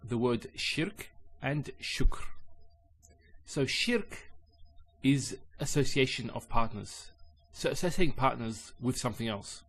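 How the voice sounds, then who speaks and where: A man teaching an Arabic linguistics lesson in English, explaining calmly with measured pauses. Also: mid-range voice, breathy edge.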